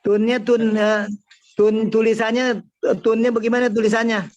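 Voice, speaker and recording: A man's voice: sits high, little pitch movement, normal speed, darkish tone, no room sound. A man teaching an Arabic class over a video call, patiently quizzing his students by name. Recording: muffled video-call audio.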